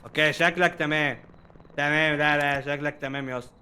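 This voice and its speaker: A young man with an Egyptian Arabic accent giving jokey, animated commentary while playing a horror game and chatting to its characters. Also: a little high, quick pace, slight background noise. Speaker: gaming streamer. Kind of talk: casual let's-play commentary.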